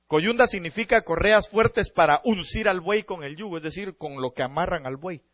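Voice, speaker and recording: A male pastor preaching a sermon, animated and often calling out to his listeners. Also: high voice, moderate pace, no room sound, lo-fi sound.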